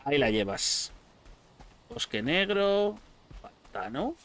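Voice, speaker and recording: A man with a Spain Spanish accent giving casual, excitable gameplay commentary, shouting at pets and swearing freely. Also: on the high side, slow. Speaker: gaming channel host.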